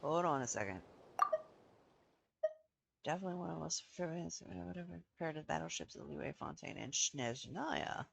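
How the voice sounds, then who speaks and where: A woman's voice: low voice, lively intonation, normal speed, gravelly, pauses often, a little hiss or hum. A woman game streamer chatting casually and sleepily, meandering with lots of ums. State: sleepy, yawning. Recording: game music playing behind.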